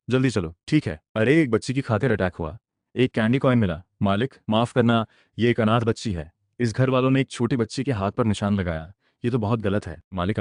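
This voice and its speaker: A man with a fairly low voice tells a fantasy comic story in a dramatic recap, acting out each character's lines in turn. He is recorded close to the mic in a dry room with no echo. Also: darkish tone. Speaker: recap narrator. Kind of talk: dramatic manhwa recap voicing all characters.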